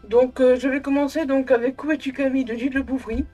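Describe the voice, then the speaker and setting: A young woman giving a casual, effusive book review to camera at home, in a halting way that often repeats words. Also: high-pitched, fairly even intonation, mellow, faint music behind. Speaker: book vlogger. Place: small room at home with bookshelves.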